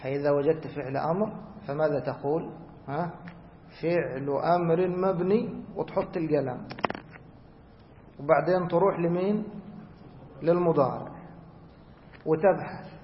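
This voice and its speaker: A man teaching a grammar lesson who asks the class questions, answers them himself, and repeats key rules slowly. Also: a little high, slight background noise. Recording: echoey hall, dull lo-fi sound.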